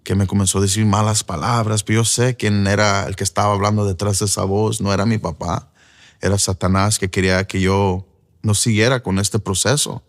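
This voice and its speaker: A man's voice: lowish voice, flat delivery, brisk. A man giving an earnest personal testimony as a preacher, slipping in English fillers. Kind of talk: emotional first-person testimony.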